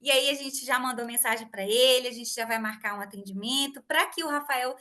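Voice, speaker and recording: A woman in her thirties hosting a casual podcast conversation, telling an animated story and acting out family dialogue. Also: on the high side, brisk. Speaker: host.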